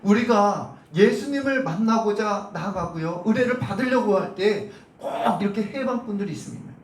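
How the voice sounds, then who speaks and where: A male pastor preaching a Sunday sermon, acting out crowd shouts and quizzing the congregation. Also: high-pitched, expressive, moderate pace. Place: church sanctuary. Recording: roomy church sound from a distant mic, faint hum.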